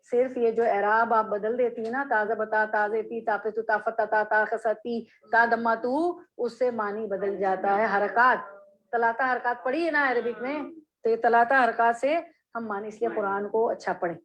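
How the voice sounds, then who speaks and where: Woman, fairly high voice, slow careful reading, patient teacher tone, repeats words for students. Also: steady tone, dull audio. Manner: explains Arabic grammar patiently, repeats and drills students. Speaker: Islamic studies teacher. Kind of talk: classroom hadith lesson, reading Arabic then explaining.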